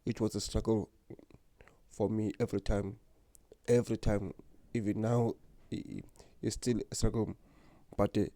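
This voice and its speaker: Speaking to camera in a personal vlog, a young man from South Africa earnestly and unhurriedly describes himself as his channel's host. He stutters, repeating words and hitting blocks. The voice sits lowish with little pitch movement, a dark tone, and a moderate pace with many pauses, recorded without echo.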